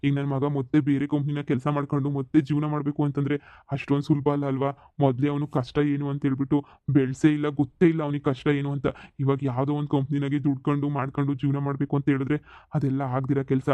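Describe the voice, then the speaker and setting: A man's voice: medium pitch, monotone, fast talker, no room sound, narrow, tinny audio, close to an everyday voice. A man voicing a middle-aged father in a cartoon, an ailing businessman who has been cheated, talking in a weary, regretful way. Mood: sorrowful. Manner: weary, regretful, speaks of lying down to rest. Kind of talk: cartoon voice acting.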